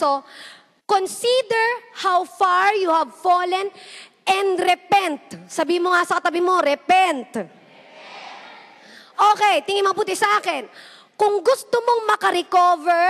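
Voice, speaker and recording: Very high-voiced young woman preaching. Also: a bit bright. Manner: mixes Tagalog and English, retells stories with voiced quotes. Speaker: youth service preacher. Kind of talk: sermon. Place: church hall. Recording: echoey church hall.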